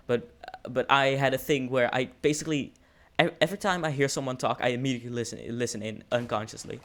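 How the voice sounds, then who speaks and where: A man's voice: mid-range voice, fairly bright tone. A teenage man from the Netherlands with a Dutch accent, chatting casually in English with many hesitations and restarts. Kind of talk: casual chat.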